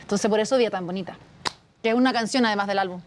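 A woman musician talking casually in an interview, quick and reflective as she thinks aloud. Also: mid-range voice, slight background noise. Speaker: musician guest.

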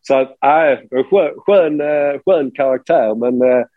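A man from Sweden, a former hockey player, telling an animated anecdote with many restarts. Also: fairly high pitch, phone-quality sound. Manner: animated storyteller, many restarts, quotes others.

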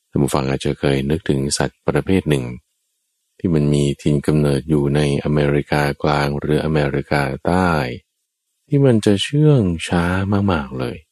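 A monk tells a Jataka tale in a sermon, his very deep voice moving at an unhurried, deliberate pace. He speaks, turns again and again to address his listeners, and his voice sounds close and dry with little room sound. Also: expressive, a little mellow, dry recording. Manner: slow, deliberate storytelling that addresses listeners directly. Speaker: Buddhist monk. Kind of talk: sermon telling Jataka tales.

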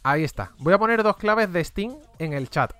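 A man's voice: high voice, animated, normal speed, a bit bright, no echo, soft background music. A man with a Spain Spanish accent chatting casually on a live stream, running game giveaways and muttering exclamations as he goes.

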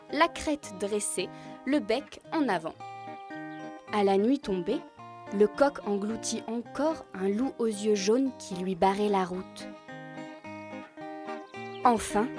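Unhurried woman telling a children's tale. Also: medium pitch. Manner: lively, expressive. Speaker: storyteller. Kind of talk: scripted narration for children. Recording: narration over music.

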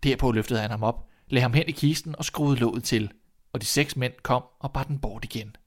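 A man reads a fairy tale aloud at a mid pitch. His telling is calm and measured, paced for listening. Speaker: narrator. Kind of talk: storybook reading.

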